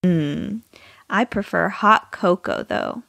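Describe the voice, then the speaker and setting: A thoughtful young girl, the older sister in a storybook, as a woman voices her. She speaks slowly and softly. The sound is dry and close. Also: on the low side, vocal fry, no room sound, heavily acted. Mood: gentle.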